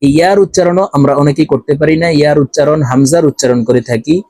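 Bangladeshi guy teaching quran letters, kinda high voice, stretches each syllable and repeats it. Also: a little mellow, no echo. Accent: Bangladeshi Bengali. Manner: slow drawn-out syllable drills, repeating each word. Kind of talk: step-by-step recitation lesson.

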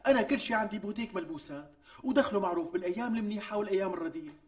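An actor playing a cornered young fiancé with a Damascene Syrian accent, protesting and pleading about money in a TV sitcom. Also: male voice, high voice, lightly acted. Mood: exasperated. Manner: exasperated, pleading, quick protests. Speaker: fiancé, shop owner. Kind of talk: TV sitcom acting. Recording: distant mic with faint music.

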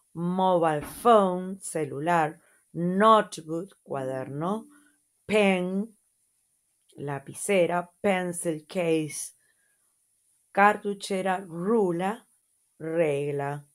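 A woman with an Argentine Spanish accent, teaching and reviewing English words for children patiently, checking in with soft "mm?" prompts. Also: on the low side. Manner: slow, patient, repeats words and adds checking "¿mm?". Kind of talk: slow lesson review for children.

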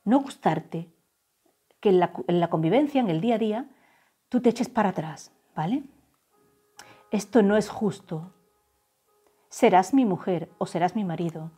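A woman from gives a tarot reading to camera. Her voice is mellow and breathy, and she draws out the channeled phrases slowly and softly over faint background music. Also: mid-range voice, animated. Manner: slow, soft, drawn-out channeled phrases. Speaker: tarot reader.

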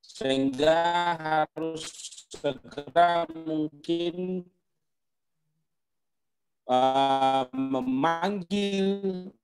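A man on a corrupted, glitchy internet call, his words arriving one at a time as the connection drops out. He speaks very slowly and haltingly, somewhat high for a man. Plucked guitar music plays clearly behind him. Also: a little mellow, poor audio. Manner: halting, with words cut apart by dropouts. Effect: choppy, breaking-up internet call audio. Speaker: webinar speaker. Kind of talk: online panel discussion. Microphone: video call.

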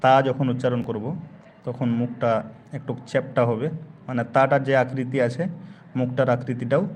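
A man's voice: medium pitch, a little mellow, slight background noise. A man teaching a live online lesson on Arabic letters, explaining step by step and repeating each letter sound aloud. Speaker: Quran teacher.

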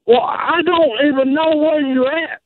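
A woman's voice: sits high, unhurried, no room sound. A woman answering a prank call over the phone, talking bluntly and repeating herself. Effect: heard over a phone line. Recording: tinny phone line.

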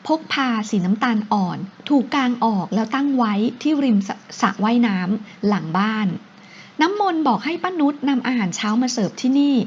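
A woman author narrating her own novel in a steady, unhurried reading voice, on a dull recording with faint hiss. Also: a little high, husky.

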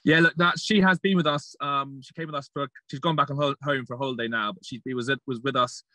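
Bright-voiced male racehorse trainer. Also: medium pitch, steady tone, no room sound. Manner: halting, often starting with "look". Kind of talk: casual interview answers.

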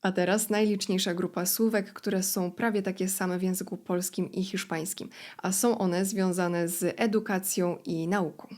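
A woman teaching a vocabulary lesson, saying each word clearly and then its translation, with short pronunciation tips. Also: on the low side, fairly even intonation, darkish tone. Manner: slow, deliberate word-by-word pronunciation drills. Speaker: Spanish teacher.

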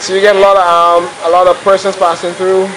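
A man's voice: high voice, completely flat delivery, fast talker. A young man with a Barbados accent chatting casually as a vlog host outdoors. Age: young adult. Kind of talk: casual chat. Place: outdoor eatery at night and open air. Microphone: handheld camera. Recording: noisy handheld recording outdoors.

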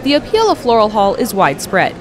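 A woman's voice: on the high side, huge pitch swings, brisk, noisy background. A woman reporter reading a scripted news voice-over in an upbeat way.

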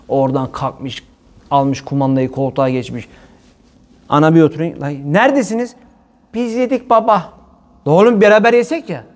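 A man hosting an informal religious talk, joking and lively, slipping into playful quoted voices. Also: mid-range voice.

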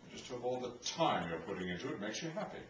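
A man's voice: medium pitch, big pitch swings, fast, close to an everyday voice. A man playing a sardonic, teasing man who talks drily, recorded live on a theater stage. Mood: dry. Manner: dry, teasing. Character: dry sardonic middle-aged man. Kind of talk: live stage comedy acting. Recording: echoey noisy stage from a distant mic.

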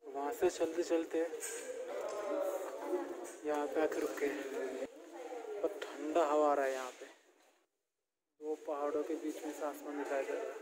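Young male travel vlogger, tired and chatty, slightly high voice, phone mic outdoors with a crowd behind. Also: flat delivery, a little slow, long pauses, low-quality recording. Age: young adult. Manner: tired, chatty, out of breath on the climb. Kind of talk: casual travel vlog. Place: outdoors on a hill trail. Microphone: phone held at arm's length.

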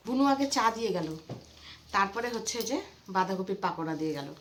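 A woman chatting casually for her home vlog, filmed on a phone in a family house, often speaking softly and hushed. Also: mid-range voice, animated, a little fast, slight background noise. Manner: chatty, drops to a hushed near-whisper at night. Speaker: vlogger.

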